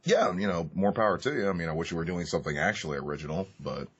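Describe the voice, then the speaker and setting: Very deep-voiced blunt, swearing man. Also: racing, dull audio. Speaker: podcast co-host. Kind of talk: casual commentary chat.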